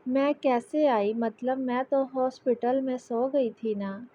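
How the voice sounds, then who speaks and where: Woman narrator doing a young wife, mischievous yet timid, in a fairly high voice. Dull recording. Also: steady tone, slow pace, a little hiss or hum. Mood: shy. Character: young playful new wife, shy.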